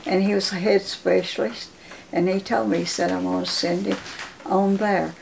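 A woman in her nineties with a Southern Appalachian accent, reminiscing casually in a halting, folksy way with repeated words. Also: medium pitch, little pitch movement, vocal fry, a little mellow, rough recording. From Appalachia, southern United States. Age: 90s. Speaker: interviewee telling life story. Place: home living room, indoors. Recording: faint background room noise.

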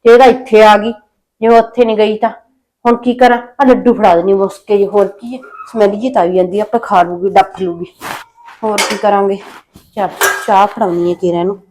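A woman's voice: very high-pitched, fast, a bit bright, a little hiss or hum. An actress playing a put-upon young daughter-in-law with a Punjabi accent, who grumbles under her breath and answers back sharply. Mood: grumbling. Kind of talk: village short film acting.

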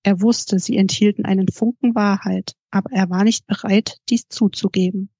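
Woman author reading evenly, mellow voice. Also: medium pitch, steady tone, normal speed, husky, no room sound, muffled recording. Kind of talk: reading aloud from her own novel.

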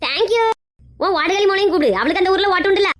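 A woman's voice: very high voice, quick pace, faint music behind. Woman with a kanyakumari tamil accent. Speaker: comedy skit creator. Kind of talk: comic family skit acting.

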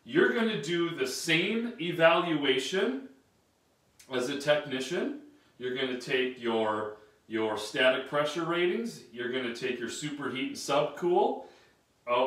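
A sales and service trainer in his thirties gives an emphatic, direct talk at a whiteboard, standing and gesturing in a small carpeted room. His voice is fairly high and a bit bright, picked up by a camera a few feet away in an echoey space.

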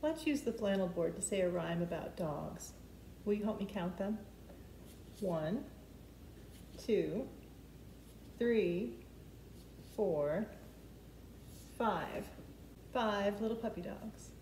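A middle-aged woman hosts a preschool storytime, walking small children through simple step-by-step prompts, rhymes and counting. Her warm, medium-pitched voice is slow with frequent pauses. She's in the open living room and kitchen of her home, picked up by a camera mic a few feet away in an echoey room with faint background noise.

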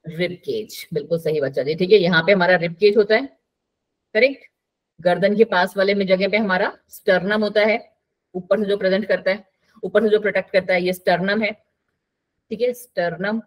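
A woman's voice: mid-range voice, fairly even intonation, a little fast. Chatty woman teaching biology. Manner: chatty, coaxing, mixes Hindi with English terms. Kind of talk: live online class.

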